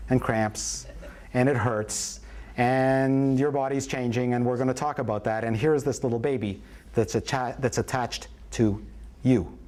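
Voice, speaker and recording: Speaking at a mellow, medium pitch, a male obstetrician leads a live prenatal class. His style is folksy and playful, full of stories and questions aimed at the attendees.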